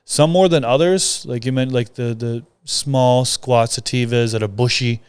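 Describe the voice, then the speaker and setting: A man co-hosting a podcast, speaking in an even, plain-spoken casual chat. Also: medium pitch, unhurried, smooth, dry recording. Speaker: podcast co-host and book author.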